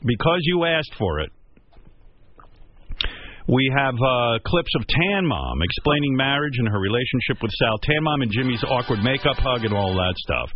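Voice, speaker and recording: A man's voice: medium pitch, expressive, moderate pace. A man hosting a talk radio show, rambling and joking with a self-deprecating edge. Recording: dull lo-fi radio broadcast.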